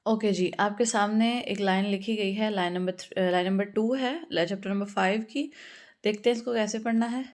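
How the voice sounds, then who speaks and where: A woman teaching a recitation lesson who explains calmly, checks in often with a questioning "okay?", and talks. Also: medium pitch. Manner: patient, drills letters slowly and repeats them.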